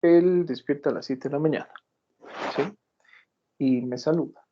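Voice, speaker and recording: A man's voice: on the high side, moderate pace, muffled recording, a little hiss or hum. A middle-aged man teaching a medical class online, probing his students with repeated questions and telling everyday anecdotes. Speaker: medical lecturer.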